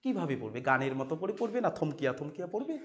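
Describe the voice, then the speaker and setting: A man teaching Sanskrit verses to a class. He quizzes the students, repeats key phrases and chants the verses slowly. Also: fairly high pitch, big pitch swings. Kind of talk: classroom lecture explaining verses.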